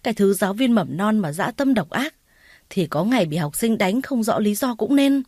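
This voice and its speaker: A domineering older woman from a storybook, harsh, contemptuous and quick to scold, read by a female narrator. The voice is mid-pitched and recorded close and dry. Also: animated, no room sound, lightly acted. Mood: scornful. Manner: scolding, contemptuous, shouting orders.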